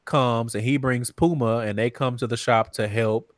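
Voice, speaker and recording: Animated man recapping TV, dry mic. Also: mid-range voice, moderate pace, no echo. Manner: animated storytelling with mocking quoted voices. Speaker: podcast co-host. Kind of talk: casual reality-TV recap chat.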